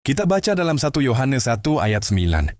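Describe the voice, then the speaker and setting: Brief: male host and narrator, even explanatory read, mid-pitched. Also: a little fast, no room sound, clean studio sound. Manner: steady explanatory delivery. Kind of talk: scripted commentary narration.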